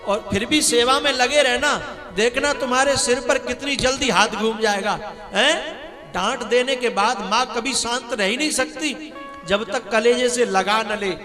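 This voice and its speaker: A high-pitched man preaching a devotional story in a big hall, acting out each character's lines. His voice rings with a long reverb, and music plays under it. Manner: animated storytelling, acts out quarrels, sings devotional refrains. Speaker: religious storyteller. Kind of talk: devotional katha sermon with story.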